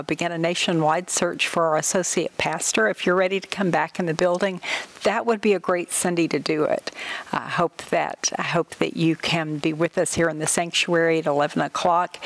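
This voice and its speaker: Older woman reading church announcements. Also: on the low side. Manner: friendly, with occasional fillers and restarts. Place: church sanctuary, indoors. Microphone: front camera, seated at a table.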